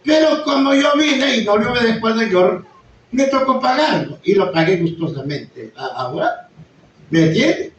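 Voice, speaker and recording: Man, pastor, sermon, high voice, sudden high exclamations, very echoey room, distant dull mic. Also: animated, normal speed. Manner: preaching with sudden high exclamations and acted quotes. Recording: echoey far-off room mic, slightly dull, faint noise.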